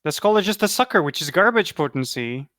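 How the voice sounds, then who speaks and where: Casting: higher-voiced gamer guy, excitable, sweary, dry close mic. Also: fast talker, no echo. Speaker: healer player in a raid group. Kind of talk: casual voice chat.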